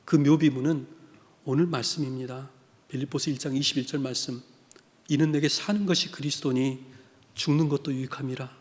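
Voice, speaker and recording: A middle-aged man from South Korea preaching a sermon as a missionary, moving from quiet personal storytelling to fervent exhortation. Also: medium pitch, steady tone, a little fast. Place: church sanctuary. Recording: church hall with long reverb.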